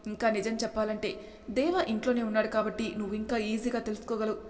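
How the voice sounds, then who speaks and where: A woman's voice: mid-range voice, steady tone, quick pace, a little mellow, lightly acted. A woman voicing a feisty young wife who answers back boldly, in a storybook reading. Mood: persuasive. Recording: echoey room with long reverb.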